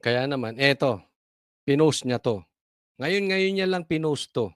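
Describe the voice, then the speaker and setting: Animated, mocking male political commentator. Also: medium pitch, unhurried, smooth, dry recording, clean studio sound. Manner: animated, mocking, conversational with chuckles.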